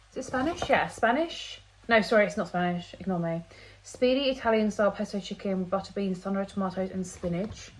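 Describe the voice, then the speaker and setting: A woman's voice: mid-range voice, a little hiss or hum. A woman in her twenties chatting casually to camera for her vlog, rambling and correcting herself as she goes. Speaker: vlogger. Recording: dull lo-fi phone audio.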